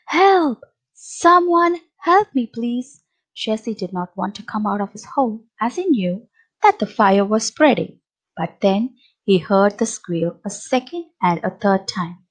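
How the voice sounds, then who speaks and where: A woman reading a children's picture book aloud, with slow, expressive storytelling. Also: mid-range voice, low-quality recording.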